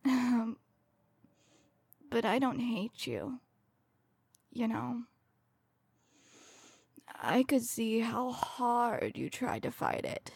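A woman playing a coldly tender serial killer in a soft, breathy ASMR role-play, slowly soothing her victim as if comforting someone in her lap. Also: a little high, no room sound, heavily acted. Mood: pitying.

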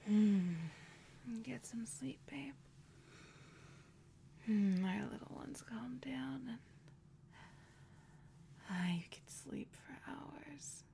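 Young woman, mostly whispered and intimate, slightly high, gravelly fry, unhurried ASMR delivery. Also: slight background noise. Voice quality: mostly whispered, soft and intimate, with gentle hums. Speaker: roleplaying a pregnant wife.

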